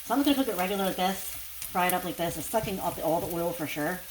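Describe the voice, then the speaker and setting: A woman's voice: lowish voice, animated, fast, rough recording. A woman food vlogger talking casually through what she is cooking. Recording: faint kitchen noise, frying sizzle.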